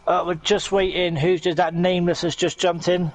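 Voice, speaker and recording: A man's voice: sits high, flat delivery, moderate pace. A man hosting a league stream in casual, matey, informal chat.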